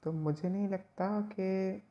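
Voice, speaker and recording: A man's voice: high voice, fairly even intonation, slow, dark tone, dull audio. A man from West Bengal, a chemistry tutor giving casual, rambling study advice to students, with frequent restarts. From West Bengal, India.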